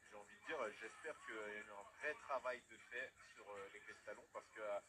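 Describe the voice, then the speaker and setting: A man giving conversational fight analysis as a co-commentator, in halting, hesitant phrases. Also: fairly low pitch, background noise. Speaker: expert co-commentator. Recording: music playing under the voice.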